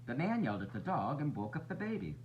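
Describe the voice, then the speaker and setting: A man reads a children's picture book with a hugely varied, swooping delivery, stretching out key phrases like a teacher. The recording is muffled, with a loud hum behind his voice. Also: mid-range voice. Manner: expressive, drawn-out refrains and raised character voices. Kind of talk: animated storybook read-aloud for young children.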